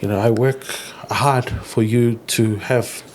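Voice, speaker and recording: A man putting on his late father's voice: an older, hardworking dad speaking gently and earnestly to his son. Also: mid-range voice, steady tone, takes it slowly, slight background noise, lightly acted.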